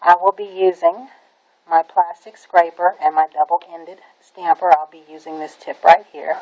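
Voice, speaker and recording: A woman's voice: on the low side, steady tone, moderate pace, dark tone, dull audio. A woman giving a casual nail art tutorial, talking in a chatty, enthusiastic way with frequent "um"s as she works. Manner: chatty and enthusiastic, with many "um"s and repeated "really, really". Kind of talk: casual how-to demonstration.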